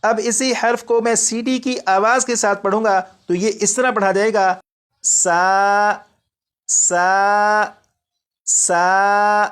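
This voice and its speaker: A man teaching a recorded recitation lesson. He explains each point twice and drags out each example letter three times, slowly and a bit louder. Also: high-pitched, fairly even intonation.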